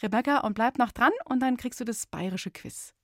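A woman's voice: fairly high pitch, normal speed, no echo, clean studio sound. A woman hosting a children's radio show, chatty and playful, laughing easily with callers.

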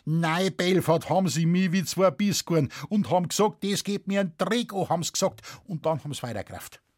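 A man's voice: high-pitched, fairly quick, darkish tone, no room sound, clean studio sound, pitched above the performer's own voice. A man doing a blunt Bavarian forest warden. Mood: aggrieved. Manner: blunt, earthy dialect, drawling complaints.

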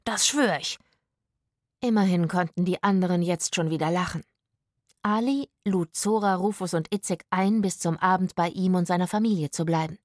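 Erzählerin einer Kinderhörgeschichte. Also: female voice, fairly low pitch, a little fast, dry recording, studio quality. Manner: calm, storytelling. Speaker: narrator. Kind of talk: children's audiobook narration.

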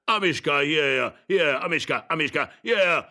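An actor voicing an excitable older husband who shouts hoarsely and fusses in agitation. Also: male voice, medium pitch, normal speed. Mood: agitated. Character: flustered old husband, excitable, fussy.

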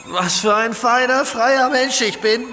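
An actor playing a manic, self-satisfied pill-popper, declaiming in exalted short phrases in a radio drama. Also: male voice, high-pitched, big pitch swings, unhurried, big-room sound, exaggerated voice. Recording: loud music under the voice.

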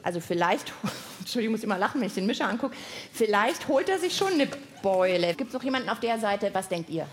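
A woman hosts a children's science podcast live on stage before a festival audience, asking lots of questions in simple, playful everyday words. Her mid-range voice is expressive and fast. There is slight background noise.

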